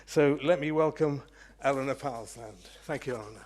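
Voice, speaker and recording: A man's voice: mid-range voice, very noisy. Man introducing a lecture. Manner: measured, with fillers. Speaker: host introducing a speaker. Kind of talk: event introduction.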